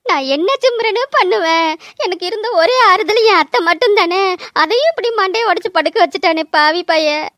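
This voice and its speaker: A woman's voice: very high-pitched, moderate pace, a bit bright, no room sound, clean studio sound. A woman voicing a distraught, fiercely protective young village wife, wailing and scolding. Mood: despairing. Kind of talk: cartoon voice acting.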